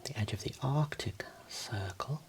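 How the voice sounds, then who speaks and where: A man speaking in a soft, breathy whisper, giving an unhurried ASMR tour of his book collection. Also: mid-range voice. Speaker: host showing own book collection.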